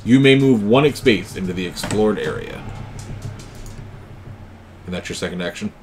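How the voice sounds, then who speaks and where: A man hosting a board game play session, reading the game's text aloud with some drama and then talking through the rules in a relaxed, casual way. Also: fairly low pitch, moderate pace, soft background music. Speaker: host and player.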